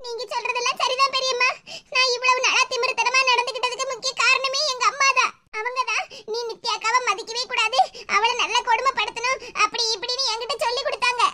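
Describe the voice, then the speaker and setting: A woman's voice: extremely high pitch, flat delivery, fast, bright, forceful tone, slight background noise, heavily acted. A woman voicing a remorseful young woman in a cartoon, pleading apologetically in a Kanyakumari Tamil accent. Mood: apologetic. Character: remorseful young woman, once arrogant daughter. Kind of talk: animated cartoon voice acting.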